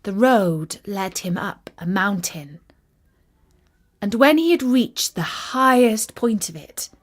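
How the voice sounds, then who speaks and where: Here a woman performs a scripted children's fairytale, speaking with expression and deliberation in a medium-pitched voice.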